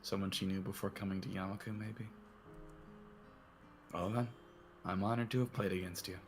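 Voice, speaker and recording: A man's voice: deep voice, steady tone, moderate pace, soft background music. A man reading a visual novel aloud as its narrator and lead, using a put-on cowboy drawl.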